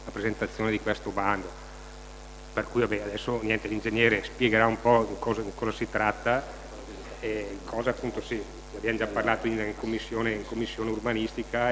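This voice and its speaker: A man's voice: on the low side, fairly bright tone. A man hesitantly introducing an agenda item at a council meeting, repeating himself and searching for words. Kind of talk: informal spoken presentation at a council meeting. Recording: noisy, echoing meeting hall.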